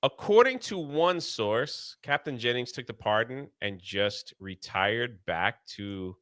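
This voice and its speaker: Bright-voiced laughing podcast host. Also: male voice, mid-range voice, lively intonation, slow pace, dry recording, clean studio sound. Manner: rambling, laughs often, storytelling aside. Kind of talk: casual podcast chat.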